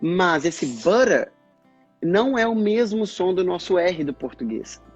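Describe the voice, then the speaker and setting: A man, a speech therapist, explaining pronunciation in a casual live chat, in halting bursts. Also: high-pitched, lively intonation, dry recording. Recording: dull lo-fi stream audio, faint music.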